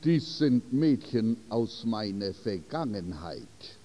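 A man's voice: mid-range voice, wildly swooping pitch, extremely slow, darkish tone, in a large hall, voice pushed down, exaggerated voice. A man voicing a remorseful young groom who speaks sadly and apologetically. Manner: subdued, apologetic.

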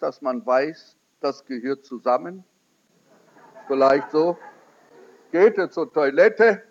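A man preaching a sermon, telling a testimony as a story and quoting the people in it. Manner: storytelling, quoting in lowered voice, rising emphatic peaks. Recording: dull lo-fi recording.

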